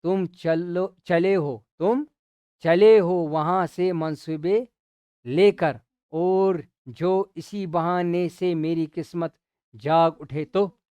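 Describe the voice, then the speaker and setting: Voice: medium pitch, fairly even intonation, extremely slow, dark tone, clear, resonant tone, no echo, dull audio. A hopeful middle-aged clerk from a school drama presses his case with pleading questions, read aloud by a teacher. The delivery stays close to a plain reading voice and sounds dry and close-miked.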